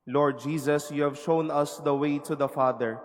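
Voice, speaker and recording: Filipino priest in cathedral echo. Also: male voice, on the high side, steady tone. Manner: measured, solemn recitation. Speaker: priest celebrating Mass. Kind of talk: liturgical prayer. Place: large cathedral. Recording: long reverb in a cathedral, faint noise.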